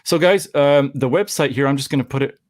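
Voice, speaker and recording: A man's voice: medium pitch, brisk, dry recording. A Canadian man in his forties hosting a live stream, chatting casually and rambling, often cutting himself off with jokes. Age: 40s. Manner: rambling, self-interrupting, jokey.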